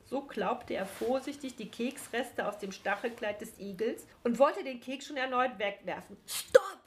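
A woman telling a fairy-tale story, recapping casually before she reads on calmly. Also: fairly high pitch, normal speed, a little hiss or hum.

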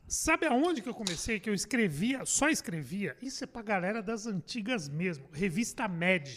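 A middle-aged man chatting on a podcast, his pitch leaping up and down as he acts out quoted reactions. He swears freely and talks in loose, restarting sentences. The voice carries a long, reverberant tail. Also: big pitch swings, normal speed, a bit bright. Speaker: comedy writer and guest. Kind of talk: casual podcast chat.

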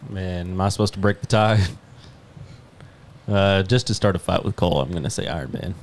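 A man's voice: sits low, a little fast, slight background noise. A man chatting as a podcast guest, rambling and searching for words as he talks. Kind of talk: casual podcast chat.

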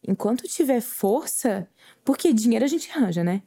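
A woman's voice: a little high, animated, normal speed, dark tone. A woman, telling an emotional faith testimony as a podcast guest and acting out her own quoted words. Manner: earnest, tearful at times, acts out her own quoted words.

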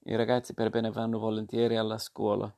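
A stern yet kindly fairy mother lecturing patiently, as a man reads her. The voice is low-key and gravelly, and it stays flat and even through each admonition in this storybook reading. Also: a little fast. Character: kind but stern fairy mother, female.

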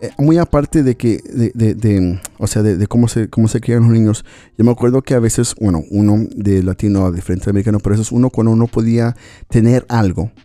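A man's voice: fairly low pitch, brisk, mellow, dry recording. A man raised in the United States, co-hosting a casual conversation, rambling and laughing often as he acts out stories. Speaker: podcast co-host.

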